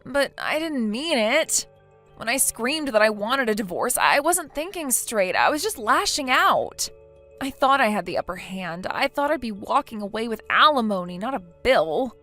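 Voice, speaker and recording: A woman's voice: a little high, big pitch swings, normal speed, sharp tone, soft background music. A synthetic female voice playing a defensive, self-pitying wife who talks in a hesitant, whiny way.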